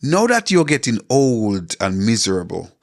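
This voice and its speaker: A man's voice: on the low side, very animated, normal speed, creaky. A man playing a blunt eighty-year-old husband in his normal speaking voice. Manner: blunt, plainly spoken.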